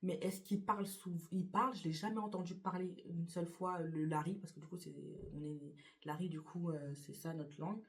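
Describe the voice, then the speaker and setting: A woman's voice: lowish voice, steady tone, moderate pace, hardly any pauses. A young woman casually answering get-to-know-me questions for her vlog in her bedroom, often hesitating and restarting her sentences. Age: young adult. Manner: hesitant, many fillers and restarts. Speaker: YouTuber. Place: her bedroom beside a window.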